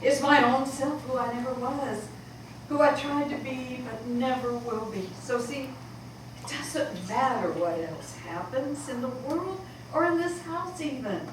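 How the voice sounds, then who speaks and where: A woman acting the part of a weary adult daughter in a stage play, speaking in a calm, measured, resigned way. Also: high-pitched. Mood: sad. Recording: echoey hall from far off, background noise.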